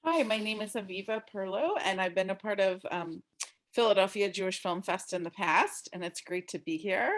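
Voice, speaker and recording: A woman from Texas speaking as a panelist, halting and filling her pauses. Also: medium pitch. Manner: hesitant, many pauses and fillers. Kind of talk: casual panel discussion.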